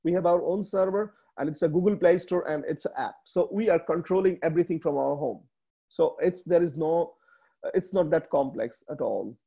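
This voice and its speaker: Speaking from a small room, this webinar presenter, a man in his thirties from Bangladesh whose native language is Bengali, walks through slides on a video call with a Bangladeshi accent. His delivery halts, full of fillers and restarts. The voice is a little high and husky, dark in tone, with vocal fry.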